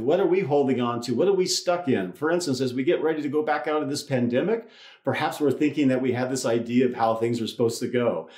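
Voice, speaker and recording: A man's voice: mid-range voice, a little mellow. Man preaching in an echoey church. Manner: conversational, with many restarts and repeated words. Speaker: priest. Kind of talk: Easter sermon with a told joke. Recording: roomy church echo.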